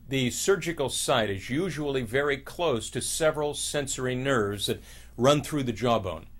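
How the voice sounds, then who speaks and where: In this educational video, a male actor in his fifties lightly portrays a middle-aged oral surgeon. His scripted explanation is calm, formal and measured, with an explanatory tone and a typical male pitch.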